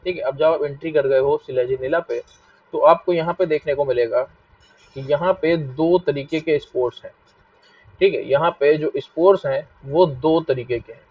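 A man's voice: a little high, moderate pace, no echo. Man teaching a lo-fi online biology class. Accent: Hindi. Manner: repetitive, asks students questions and scolds them to stop fighting. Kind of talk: live online class lecture. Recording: dull lo-fi mic, a bit distant.

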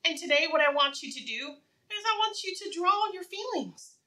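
Her voice very high and the microphone far away, a woman teaches preschoolers through a lively read-aloud. She keeps things simple and supportive, returning to repeated phrases and questioning the children, then giving them time to answer.

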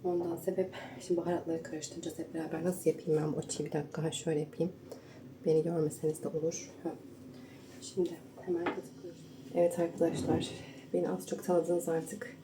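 A young woman vlogs from her home kitchen, chatting casually to viewers as she cooks, her voice low-pitched, level and brisk. Sometimes she hushes so she won't wake her sleeping husband and baby. The camera sits far back, so the sound carries roomy kitchen echo and household noise.

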